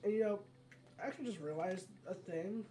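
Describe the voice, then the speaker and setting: A let's player delivers loose, rambling video game commentary, regularly correcting themselves in the middle of sentences. Their medium-pitched voice is warm and a little fast, and the recording comes from a distant mic with background noise.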